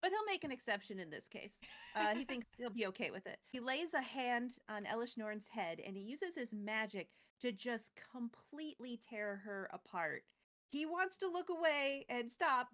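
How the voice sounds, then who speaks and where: Playfully recounting a fantasy card game storyline, a co-host acts out lines and sound words as she goes. Her mid-range voice has a fairly bright tone.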